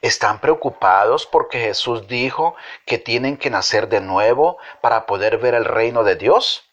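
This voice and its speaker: A man's voice: medium pitch, lively intonation, a little slow. A man doing a playful children's teacher. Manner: gently playful, mock-foolish. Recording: dull lo-fi recording.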